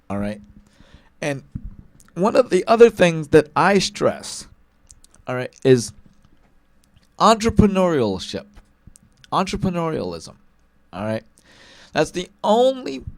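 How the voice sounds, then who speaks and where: A man's voice: a little high, no room sound. A male talk show host giving an emphatic political commentary monologue, hammering one point again and again and tagging his lines with "all right?" and "okay?".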